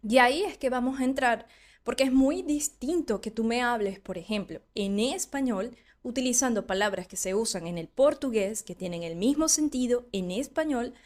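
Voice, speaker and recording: A woman teaching in an online lesson, explaining at length and acting out learners' doubts with rhetorical questions. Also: fairly high pitch. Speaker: Spanish teacher.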